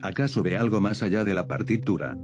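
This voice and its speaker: A man's voice: on the low side, expressive, a little fast, lightly acted. A man voicing a passionate young woman music student who speaks in indignant, accusing questions. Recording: music playing behind the voice.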